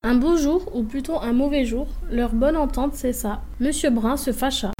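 A woman narrating a children's story in an expressive, lively way. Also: sits high, moderate pace, a little hiss or hum. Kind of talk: scripted narration.

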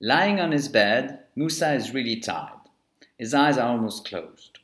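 A man narrating a children's storybook in an expressive, storytelling way. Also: medium pitch, a little slow. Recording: echoey room.

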